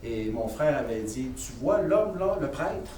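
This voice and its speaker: A man's voice: mid-range voice, sing-song, measured pace, warm tone. Québécois man interpreting live, echoey and distant. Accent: Québécois French. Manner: informal, with stops and self-corrections. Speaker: chaplain interpreting for a speaker. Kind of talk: live consecutive interpreting in informal French. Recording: distant mic in echoey room, faint noise.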